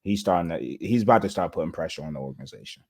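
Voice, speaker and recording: Low-voiced man in casual sports talk. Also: expressive, racing, darkish tone, husky.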